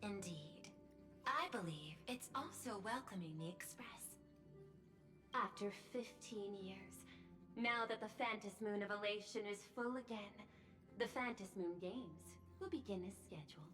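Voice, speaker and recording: A woman's voice: medium pitch, unhurried, fairly bright tone, soft background music, close to an everyday voice. A woman voicing a silky corporate CEO. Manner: polished, formal, faintly menacing. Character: poised woman corporate CEO, smooth and calculating. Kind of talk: video game voice acting.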